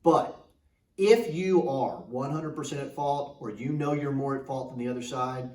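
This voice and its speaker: A man's voice: medium pitch, normal speed, darkish tone. Echoey, distant male injury lawyer ad. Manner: instructive, addresses the viewer directly. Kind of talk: injury lawyer advice ad, explanatory. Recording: echoey room, distant microphone.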